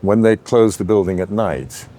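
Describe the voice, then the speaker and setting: Deep-voiced man telling stories. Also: moderate pace. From Yorkshire, England. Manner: animated anecdotal storyteller. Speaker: interviewee. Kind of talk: storytelling interview.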